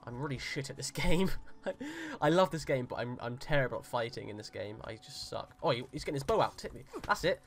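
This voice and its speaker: A young man giving jokey, excitable let's play commentary, pleading with and yelling at the game. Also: mid-range voice, a little fast, few pauses. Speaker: gamer.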